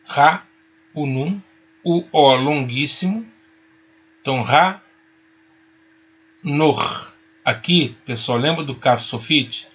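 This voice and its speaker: Slow, bright-voiced male Hebrew teacher. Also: mid-range voice, husky, lo-fi sound. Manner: patient, reassuring, spells out sounds slowly. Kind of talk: recorded online lesson.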